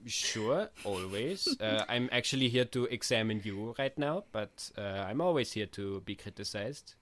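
With a lowish, slightly bright and expressive voice, a man performs the role of a polite male psychiatrist superhero who has a floating skull. He gives the character an Austrian accent and an earnest, halting delivery full of hesitations.

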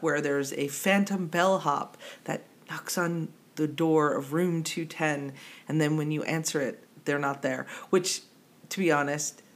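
A podcast co-host with a New Jersey accent in casual, digressive chat who laughs easily. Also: medium pitch.

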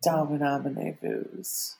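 A woman's voice: low voice, flat delivery, vocal fry, dark tone. A woman co-hosting a podcast, chatting casually and playfully about a TV episode, laughing often. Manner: laughing, playful, quick to jump in. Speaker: podcast co-host. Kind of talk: casual chat reviewing a TV episode.

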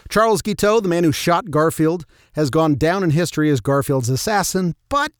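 A man with a slightly high voice tells a story as a true crime narrator would. The delivery is scripted yet wry, with tongue-in-cheek humor, and the sound is close and dry. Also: moderate pace, no echo. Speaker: narrator and host of a history show.

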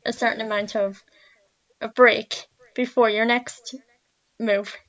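A woman's voice: on the high side, fairly even intonation, slow, fairly bright tone, no room sound, low-quality recording. A woman with a west of Ireland accent, a podcast guest giving informal explanations in an interview.

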